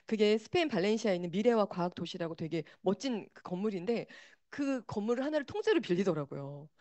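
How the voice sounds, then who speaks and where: A woman giving an animated motivational talk, speaking directly to her audience on a microphone. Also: medium pitch, fast talker, dry recording.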